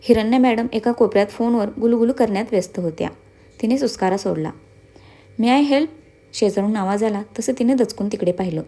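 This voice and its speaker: Woman storyteller, warm and mellow, steady expressive reading. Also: medium pitch, quick pace. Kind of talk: scripted story narration.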